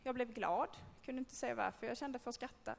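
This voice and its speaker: A woman's voice: on the high side, vocal fry, big-room sound. A woman giving a candid, conversational personal testimony to a group, with frequent hesitations. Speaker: speaker telling a personal faith story.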